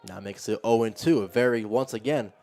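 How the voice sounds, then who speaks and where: Guy doing live baseball play by play, conversational, pitch by pitch, normal mid voice. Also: a little fast, a little mellow. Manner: conversational, narrating each pitch as it happens. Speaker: play-by-play commentator.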